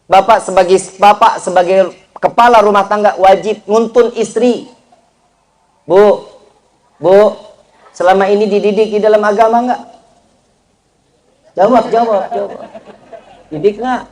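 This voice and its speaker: High-voiced joking Indonesian preacher. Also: male voice, measured pace, long pauses. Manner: lively, joking, addresses audience directly with Betawi slang. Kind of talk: humorous sermon to a crowd.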